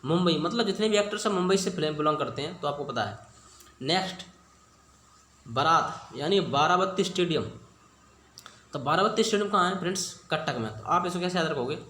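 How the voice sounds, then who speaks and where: A man's voice: fairly high pitch, lively intonation, brisk, pushed and bright. Chatty man teaching in an echoey room. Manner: chatty, repeats questions to the viewer, checks in often. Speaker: exam coaching teacher. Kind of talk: casual Hindi exam-prep lesson with memory tricks. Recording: echoey room with faint ambience.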